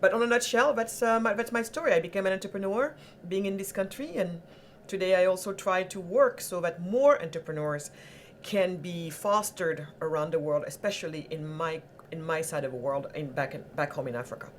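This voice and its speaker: A woman from Senegal, a guest entrepreneur, telling her life story in an animated, earnest conversational way. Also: on the low side, a little fast, a little hiss or hum. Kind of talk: conversational interview.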